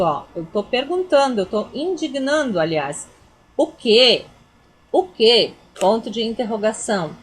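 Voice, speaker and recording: Lively Brazilian woman teaching children. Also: on the high side, slightly rough. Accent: Brazilian Portuguese. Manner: patient, repetitive explaining, pointing things out. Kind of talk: recorded grammar lesson for children.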